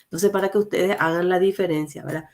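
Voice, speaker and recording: A woman's voice: fairly low pitch, steady tone, fast talker, darkish tone. A woman teaching an online class, explaining grammar step by step with frequent fillers and two languages mixed together.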